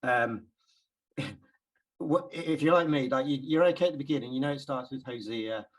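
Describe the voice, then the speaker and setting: A man's voice: medium pitch, normal speed, poor audio. A man from England giving an informal Bible class talk, chatty and hesitant, with many ums and repeated words.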